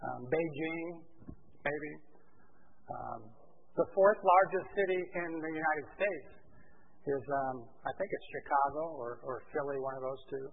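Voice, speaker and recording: A man's voice: fairly high pitch, unhurried, gravelly, husky. Man teaching a Bible class over a thin, phone-like line. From Brazil. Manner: conversational, questions the class, many fillers. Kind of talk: informal Bible class lecture. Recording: phone-like lo-fi with faint hiss.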